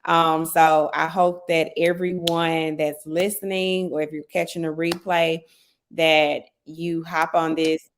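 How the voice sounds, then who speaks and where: Woman host on a live, kinda low voice, chatty event promo, pushing people to sign up. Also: level tone, slow pace, slight background noise. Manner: chatty, urging, repeats for emphasis. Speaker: livestream host, event organizer. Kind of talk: casual livestream promotion. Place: remote live video stream.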